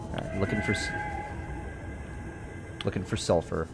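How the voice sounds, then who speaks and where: A man's voice: sits low, steady tone, moderate pace, gravelly, over loud music. A young man chatting casually while streaming a survival game, rambling through stories and answering his chat. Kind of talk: casual gameplay commentary.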